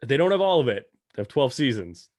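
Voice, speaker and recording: Canadian guy, 30s, musician guest; rambling, loose, sweary, mid pitch, dry close sound. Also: big pitch swings, fairly quick, darkish tone, dry recording. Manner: rambling, laid-back, swears freely. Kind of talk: casual chat.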